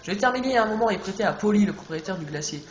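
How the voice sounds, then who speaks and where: A man's voice: sits high, expressive, racing, a little hiss or hum. A man reading out an old cartoon shopkeeper. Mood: welcoming. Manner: reads dialogue aloud plainly. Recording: echoey room, music behind.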